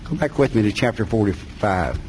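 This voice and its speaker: This middle-aged Appalachian preacher from the North Carolina mountains, USA, reads scripture and delivers his sermon plainly and folksily, with colloquial grammar. He speaks at a fairly low pitch, very animated and a little fast, his tone a little mellow. There's a little hiss or hum in the audio.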